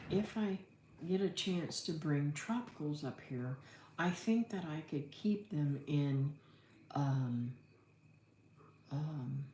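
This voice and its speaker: Her voice is deep and mellow: a middle-aged Florida homesteader who hosts livestreams, casually working through viewer comments and answering them with folksy, wandering, out-loud thinking. The recording has echo and faint noise in the background.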